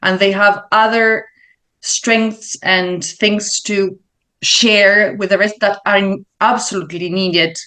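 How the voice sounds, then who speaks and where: Woman, Uruguayan Spanish accent, non-native English, middle pitch, interview guest, hesitant and thoughtful. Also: fairly even intonation, slow pace, bright, forceful tone. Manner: thoughtful, searching for words with fillers. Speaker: learning consultant guest. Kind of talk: interview answers.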